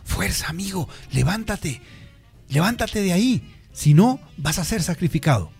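A man's voice: high voice, moderate pace, vocal fry, breathy edge, soft background music, pitched above the performer's own voice, heavily acted. A man voicing a small male piglet who eagerly urges and cheers on a friend. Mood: encouraging. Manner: urging, cheering, climbing excitedly.

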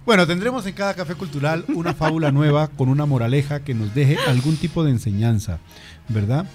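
A man hosting a show, telling a fable in a lively, expressive way. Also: on the high side, brisk, music in the background. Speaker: host. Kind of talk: storytelling a fable on a radio-style show.

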